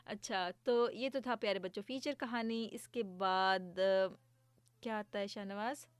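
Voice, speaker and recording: A woman's voice: mid-range voice, steady tone, clean tone, no room sound. A young woman hosting a children's program, chatting casually, explaining jokes and laughing often. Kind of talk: casual explanatory chat for kids.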